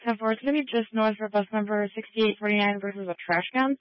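A woman working as a police dispatcher, reading out calls in brisk, clipped radio codes over a police radio transmission. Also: mid-range voice, steady tone, no echo. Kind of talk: radio dispatch call-outs. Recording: tinny narrow-band radio channel.

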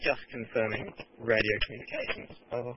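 A man's voice: medium pitch, steady tone, a little fast. A man working as a radio operator, speaking in brief clipped procedure calls over a walkie-talkie. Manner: brief clipped call phrasing. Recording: muffled two-way radio with faint hiss.

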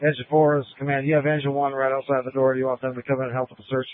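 A man's voice: medium pitch, completely flat delivery, racing, no room sound. A man acting as fire incident commander, giving terse orders over a two-way radio with bursts of static. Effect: two-way radio transmission with static bursts. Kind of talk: fireground radio traffic. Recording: tinny dry radio channel.

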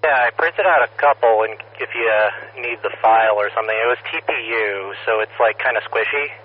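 Guy rambling on the ham radio from his car, tinny phone-ish sound, lowish voice. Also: a little fast. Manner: rambling, hesitant, lots of fillers. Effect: tinny radio from a moving car. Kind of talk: casual radio chat.

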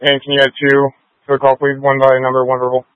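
A male police officer calling in over a police radio, speaking in clipped radio codes with a flat monotone delivery. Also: mid-range voice, fast talker, clean tone, no room sound. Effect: police radio transmission. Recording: tinny dry police radio channel.

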